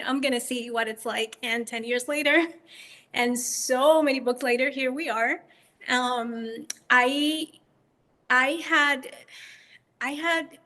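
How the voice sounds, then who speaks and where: A woman from the Dominican Republic, an author on a panel, telling her story with enthusiasm. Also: a little high. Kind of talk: conversational panel talk. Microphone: video call.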